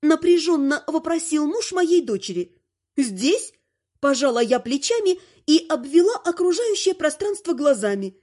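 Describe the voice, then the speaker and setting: Brief: woman audiobook narrator, high voice, theatrical and lively. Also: normal speed. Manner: lively, theatrical first-person reading.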